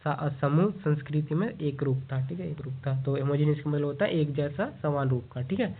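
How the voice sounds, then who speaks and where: A man's voice: fairly high pitch, slight background noise. Tinny-sounding male vocabulary teacher. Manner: explains each word in Hindi, reads English examples slowly; repeats "ठीक है" and "उसको क्या बोलते हैं?" often. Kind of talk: exam vocabulary lesson. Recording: tinny phone-like audio.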